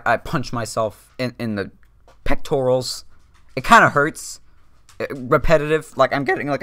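A young man vlogging from a dark room at home into a desk mic, rambling, joking and correcting himself constantly. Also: mid-range voice, dry recording. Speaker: YouTuber. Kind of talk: rambling self-deprecating vlog.

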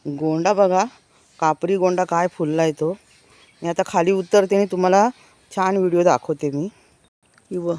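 Walking through a village outdoors with a handheld phone, a vlogger from Konkan, India, gives an enthusiastic tour amid birdsong. She speaks in a mid-range, darkish voice with no echo and keeps telling viewers to look.

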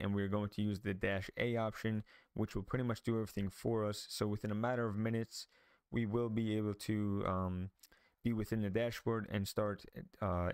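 Casual tech tutorial host, male, low and level voice, clean and dry close-mic sound, unscripted with ums. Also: clean tone, dry recording. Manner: casual, thinking aloud with frequent ums and restarts. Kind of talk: screen-recorded software tutorial.

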